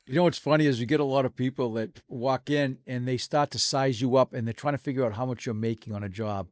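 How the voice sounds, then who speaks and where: A man's voice: mid-range voice, fast talker, a little mellow, dry recording, clean studio sound. A man in his forties, a flooring contractor talking as a podcast guest, telling stories and acting out what customers say. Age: 40s. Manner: storytelling, acts out customer dialogue. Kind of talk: casual podcast chat.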